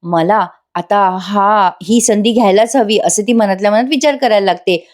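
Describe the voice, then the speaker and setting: A woman's voice: mid-range voice, moderate pace. Chatty woman recapping a TV serial. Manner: chatty, addresses viewers directly. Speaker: TV serial reviewer. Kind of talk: voice-over episode recap.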